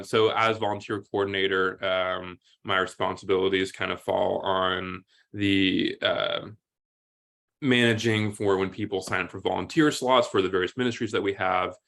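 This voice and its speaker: A man who is a volunteer coordinator, hosting a casual interview and talking in a halting way with lots of fillers. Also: sits low, fairly bright tone.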